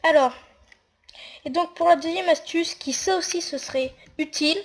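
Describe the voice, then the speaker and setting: A woman's voice: very high voice, normal speed. A woman talking through a casual game tutorial while she builds, hesitant and full of fillers. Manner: hesitant, narrates actions with fillers.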